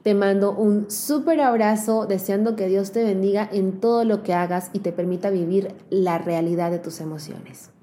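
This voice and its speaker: Earnest woman with a mellow voice. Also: mid-range voice, a little hiss or hum. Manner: earnest, slows down to stress key words; addresses the listener directly and warmly. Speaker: motivational speaker for women. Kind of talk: earnest motivational address to women.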